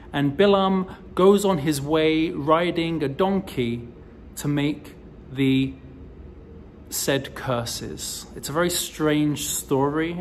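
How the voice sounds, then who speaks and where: Slow, deliberate man giving a sermon. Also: a little high, slight background noise. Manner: slow, deliberate storytelling delivery with emphatic rises. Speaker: rabbi. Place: indoors in front of a decorative wall. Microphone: phone or camera close to the face, selfie framing.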